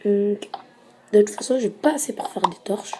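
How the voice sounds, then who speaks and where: A woman giving casual gameplay commentary, hesitant and full of filler pauses. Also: mid-range voice. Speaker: gamer. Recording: loud background noise, mouse clicks.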